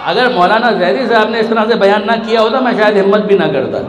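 A man's voice: high-pitched, background noise. A man giving a sermon that tells a story dramatically, acting out the voices of the figures he quotes. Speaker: religious orator. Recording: echoey hall with faint ambience.

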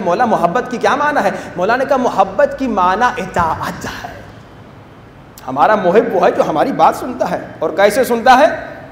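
Man, preacher, fervent sermon, loud then hushed, high voice, echoey hall. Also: a little hiss or hum. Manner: fervent, swings from loud exclamations to hushed low asides. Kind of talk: impassioned sermon. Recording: echoey hall with long reverb.

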